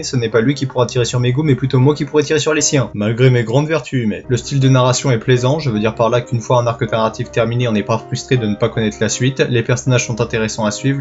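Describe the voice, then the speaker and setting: A man hosting a scripted anime review, talking fast with sarcastic asides. His voice sits at a middle pitch, and the dull lo-fi recording has soft music underneath. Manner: quick, sarcastic, with asides to himself. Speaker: anime reviewer, channel host. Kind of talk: scripted comedic video review.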